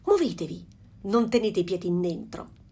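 A woman voicing a proud, fussy mother duck in a storybook reading, with a slightly husky voice. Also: mid-range voice, very animated, moderate pace, warm tone.

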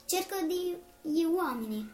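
A woman doing the Little Prince, a high soft boy. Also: lively intonation, unhurried, faint music behind. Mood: curious. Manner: curious, soft, questioning. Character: gentle young boy prince from another planet.

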